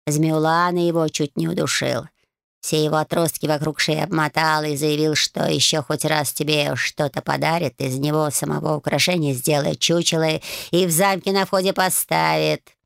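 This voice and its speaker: A woman voicing a grumpy, sarcastic male talking cat in an audiobook, with a gruff, wheezy, slow drawl. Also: low voice, fairly even intonation, no echo, studio quality. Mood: grumbling. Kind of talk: audiobook character voice.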